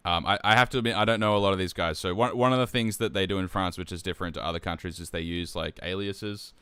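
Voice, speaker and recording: A young man with a very low voice that still comes across bright and forceful, talking through a live stream in a loose, easygoing way. He fills his sentences with ums and stops to restart them. His voice sits close and dry, with hardly any room sound. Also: fast talker, smooth, no room sound. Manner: relaxed, with frequent fillers and restarts. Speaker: tournament organizer and stream host. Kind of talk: casual live-stream chat.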